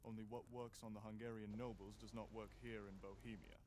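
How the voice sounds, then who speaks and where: An actor playing an earnest young foreign gentleman in a medieval game, explaining in a measured, deferential way. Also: on the low side, flat delivery, a little hiss or hum, lightly acted. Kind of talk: scripted dramatic game dialogue.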